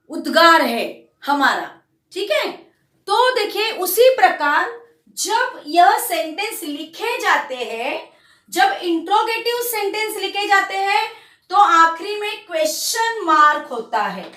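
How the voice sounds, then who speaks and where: A woman teaching a grammar lesson to children, speaking slowly and deliberately as she reads example sentences aloud. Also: very high voice, bright, forceful tone, recorded from a distance. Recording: roomy echo, away from the mic.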